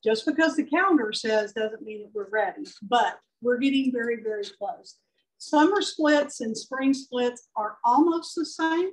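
Middle-aged Texan woman, conversational co-presenter, slightly high voice, distant room sound. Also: lively intonation. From southeast Texas. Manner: conversational, quick agreeing interjections. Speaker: beekeeping presenter. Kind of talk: club presentation talk. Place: large meeting hall with projector.

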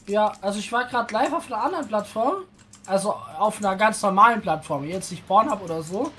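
A woman's voice: medium pitch, animated, fairly quick, fairly bright tone, slight background noise. A woman in her late twenties, a fellow streamer chatting casually and easily on a voice call, often adding little tag questions. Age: late 20s. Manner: friendly, easygoing, adds tag questions.

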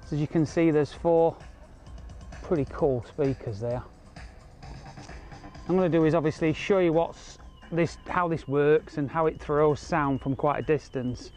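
With soft music in the background, a car audio installer delivers an informal, explanatory product walkthrough at a measured pace. His voice is on the high side with a darkish tone. The handheld recording, made in an outdoor car park and inside a car, is clear over the ambient noise.

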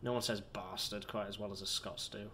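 A man's voice: fairly low pitch, steady tone, a little fast, bright, forceful tone, slight background noise. A man chatting loosely over a game he is playing, wandering from topic to topic and poking fun at himself. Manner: chatty, wandering, self-mocking. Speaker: gaming video host. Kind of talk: rambling gameplay commentary.

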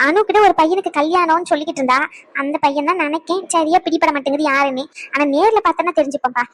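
A woman's voice: high-pitched, fast, natural voice. Woman playing a fretful, chatty mother. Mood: worried. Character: middle-aged mother, anxious and protective. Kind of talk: cartoon voice acting.

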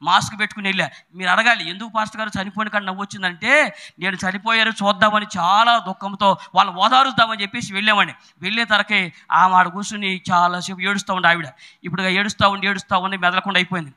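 Middle-aged preacher guy, super high and piercing, yells bits then goes chatty. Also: fairly even intonation, quick pace. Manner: shouts bursts, then drops into storytelling. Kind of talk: sermon.

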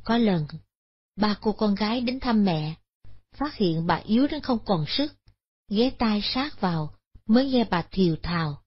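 A woman tells a Buddhist moral story in a measured, solemn way. Her voice is husky, and the recording sounds dull and lo-fi. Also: medium pitch, animated. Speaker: narrator.

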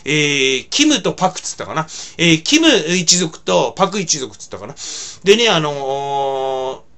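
A man speaking in a casual monologue as a video blogger, rambling with many fillers and rough colloquial phrasing. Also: a little high, sing-song, normal speed, pushed and bright.

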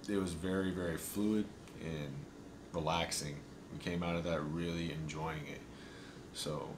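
Young man, very low voice, relaxed travel vlog chat, camera on the table, some background noise. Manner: relaxed, chatty, describes food with enthusiasm. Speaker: vlogger. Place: hotel room and small restaurant.

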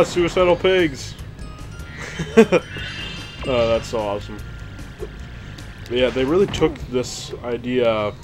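A young man chats casually as he plays a video game. He sounds tired and spaced out, rambling in a laid-back way. Game music plays clearly behind him. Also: lowish voice. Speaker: gaming video host. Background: video game music and effects.

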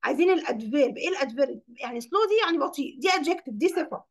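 A woman with an Egyptian Arabic accent teaches English words in a classroom lesson. She explains each term in Arabic and keeps questioning her pupils. Her voice sits high, with a gravelly edge. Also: animated, very fast.

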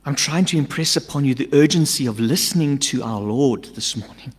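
A middle-aged man preaching a sermon from a church stage into a stand mic, emphatic, swinging between urgent loud lines and hushed asides. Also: medium pitch, brisk, breathy edge. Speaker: pastor. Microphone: stand mic at a pulpit. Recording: long church-hall reverb.

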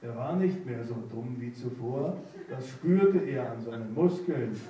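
A man reading a children's story aloud at sight, unhurried and playful. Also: mid-range voice, animated, a crowd in the background. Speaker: reader. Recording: echoey room, mic far off.

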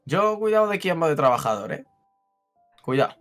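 A man hosting a casual interview chat, talking in a lively, colloquial way. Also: a little high, brisk, soft background music. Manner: animated, colloquial, quotes himself. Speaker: host.

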